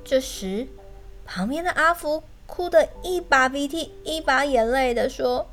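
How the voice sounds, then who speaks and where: Slow, high-voiced storyteller woman. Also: soft background music. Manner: gentle, sing-song, speaks to children directly. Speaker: kindergarten storyteller teacher. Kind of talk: children's picture-book reading.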